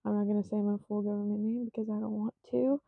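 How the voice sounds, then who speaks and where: A woman's voice: medium pitch, level tone, vocal fry, no room sound. A woman in her twenties hosting her own podcast in a casual, rambling, self-conscious way, sleepy and yawning as she talks. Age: 20s. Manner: slow, rambling and self-conscious, with frequent fillers. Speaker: podcast host. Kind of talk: casual solo podcast chat. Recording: dry, tinny phone-like sound.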